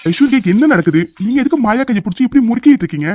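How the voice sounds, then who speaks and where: A woman's voice: fairly high pitch, animated, rapid-fire, mellow, slight background noise, voice pushed down, lightly acted. A woman voicing a stern young husband in a cartoon serial, who asks firm, reproachful questions.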